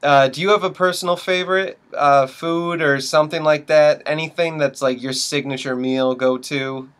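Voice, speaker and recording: Deadpan comedy podcast co-host, a man. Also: on the high side, moderate pace. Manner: deadpan, mock-serious storytelling. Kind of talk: casual comedy podcast banter.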